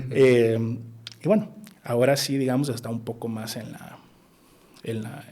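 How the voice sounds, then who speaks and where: A man in his thirties gives interview answers as an academic guest. He speaks at a middle pitch, thinks out loud, and now and then drives a point home with sudden emphasis. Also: fairly even intonation, unhurried. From El Salvador. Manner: thoughtful, with bursts of emphasis. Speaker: guest political scientist.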